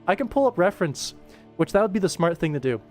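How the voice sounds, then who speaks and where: Background music runs under a young adult animator's livestream as he works and chats. His voice sits high and sing-song at a quick pace, and his casual rambling is jokey and self-deprecating.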